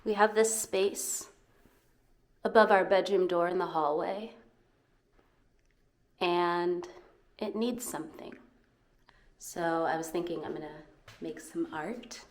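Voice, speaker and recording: This is a slow, fairly low-pitched American woman who pauses often while chatting in a relaxed home vlog. Her manner is upbeat and sincere, though she occasionally starts a sentence over. Her voice carries a bit of echo, with faint ambient sound in the room.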